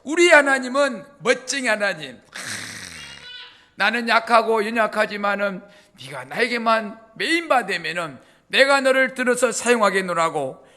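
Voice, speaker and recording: A male pastor preaches a sermon in a chatty, storytelling manner. His voice sits unusually high. It rings bright and forceful. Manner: lively, colloquial storytelling.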